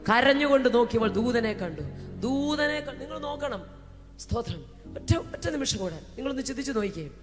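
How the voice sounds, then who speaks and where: Woman preacher, pentecostal sermon, shouting and hushed by turns, echoey hall, faint music behind. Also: sits high. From Kerala, India. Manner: fervent, swings between shouting and hushed talk, speaks in tongues.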